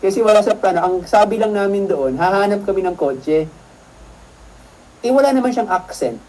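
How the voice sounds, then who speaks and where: A man's voice: high-pitched, expressive, normal speed, darkish tone, rough recording. Chatty man coaching a seminar crowd. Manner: chatty, keeps checking in with the audience; laughs through his own stories. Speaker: network marketing mentor. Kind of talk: motivational seminar talk.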